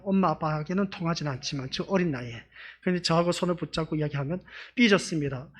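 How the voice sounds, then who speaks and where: High-voiced man preaching a sermon. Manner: conversational preaching with rhetorical questions to the congregation. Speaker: pastor. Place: church.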